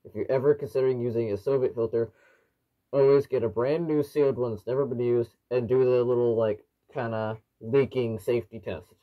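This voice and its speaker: A man's voice: mid-range voice, steady tone, brisk. A young man giving a casual, rambling, explanatory product review, his voice muffled through a gas mask. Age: young adult. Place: small living room at home, indoors.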